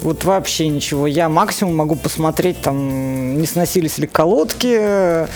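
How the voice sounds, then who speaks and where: A woman with a low-sitting, slightly mellow voice talks at a moderate pace as an interview guest, answering questions conversationally about her own experiences as a solo motorcyclist and climber. Faint music plays in the background.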